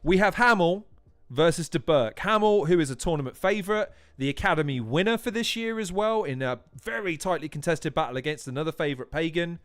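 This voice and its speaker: A man hosting a casual livestream with a noticeably high voice. He is excitable and jokey, teasing his guests as he moves the conversation along, and the sound is close and dry. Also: a little fast, dry recording. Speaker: host.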